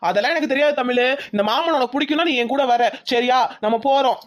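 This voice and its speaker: A woman's voice: high voice, quick pace, lightly acted. A woman voicing a lovesick young village man who coaxes and pleads affectionately in a cartoon. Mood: pleading. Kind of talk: cartoon voice acting.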